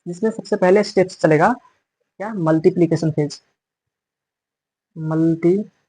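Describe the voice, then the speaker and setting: A man's voice: a little high, moderate pace, darkish tone, slightly rough, no echo, rough recording. A man teaching biology in a classroom-style lecture, repeating and correcting terms as he explains and mixing English words into his talk. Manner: mixes English terms into Hindi.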